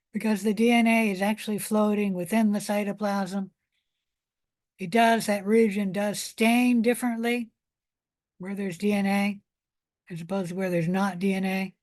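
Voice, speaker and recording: A woman lecturing on biology, explaining slowly and carefully with pauses, fillers and restarts. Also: mid-range voice, a little mellow. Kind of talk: recorded micro lecture.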